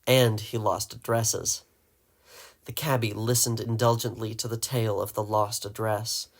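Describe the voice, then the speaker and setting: A man narrating a story aloud in a steady, measured way. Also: lowish voice, gravelly. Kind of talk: audiobook reading.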